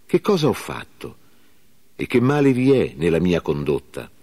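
An earnest young warrior who calls out with indignation and solemn pleading, read by a man. The voice sits very low and carries a grave, declaiming tone. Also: very animated, moderate pace, darkish tone.

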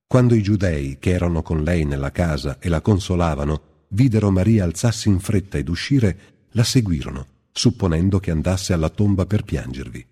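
Deep husky man reading solemnly in a hall. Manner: measured, steady, slows on key phrases. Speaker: scripture reader. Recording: long hall reverb.

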